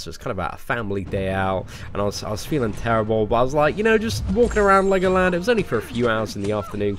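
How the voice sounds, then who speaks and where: Here a young man from England live-streams a mobile game and chats casually, full of fillers and greeting viewers by name. A cold makes him a bit nasal, and his fairly low voice is a little bright, with a slight hiss or hum in the recording.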